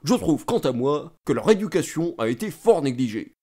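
Man voicing a pompous state official, lecturing, eager, raised voice, lively pitch. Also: normal speed. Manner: self-important, eager, lecturing. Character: pompous, talkative middle-aged male state councillor.

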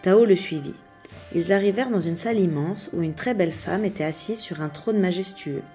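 Low, mellow woman storyteller. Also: faint music behind. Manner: calm, measured storytelling. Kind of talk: bedtime story reading.

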